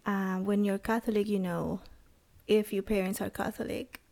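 A Salvadoran woman in her thirties, with a Salvadoran Spanish accent, shares her personal testimony as a podcast guest, halting often with pauses and restarts. Her mid-range voice is steady, creaky and darkish in tone.

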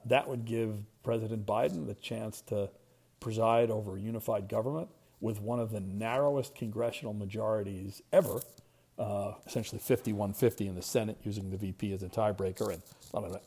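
A middle-aged man with an American accent gives opinionated podcast commentary. His voice is low and gravelly, with a husky rasp. He speaks deliberately, halting as he shapes his points. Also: dark tone. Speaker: podcast host, market strategist. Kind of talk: spoken commentary, semi-scripted.

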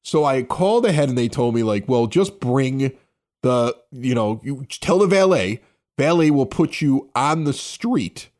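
A man's voice: medium pitch, measured pace. A man telling a long story in casual chat at a basement bar, acting out the people in it as he goes. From Chicago area. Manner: animated storyteller, acts out quoted people. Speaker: podcast host.

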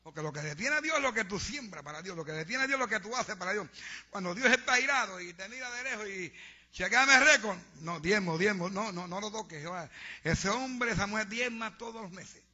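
Fervent high-voiced preacher, lo-fi. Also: male voice, animated, a little fast, pushed and bright. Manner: fervent, exhorting, preaching to a congregation. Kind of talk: sermon. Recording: dull lo-fi sound.

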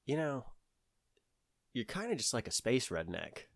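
A man's voice: medium pitch, wildly swooping pitch, unhurried, creaky, dry recording, studio quality. A man from the American South with a Southern accent, telling a long story in casual conversation, rambling with many fillers and restarts.

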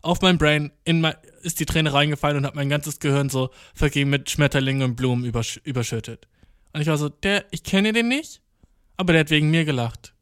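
A young man doing a rambling comedic monologue, full of swearing and English slang, jumping from mumbled asides to excited outbursts. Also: on the high side, brisk, clean tone, dry recording, studio quality. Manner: slangy, profane, mixing English words into German; jumps from deadpan mutters to excited outbursts.

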